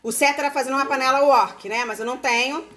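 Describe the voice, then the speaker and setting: A Brazilian woman in her forties speaks in a high, fairly bright voice, keeping a steady tone and a quick pace. Cooking in her home kitchen, she talks directly to viewers on a phone held close, with food sizzling in a pan and music behind her.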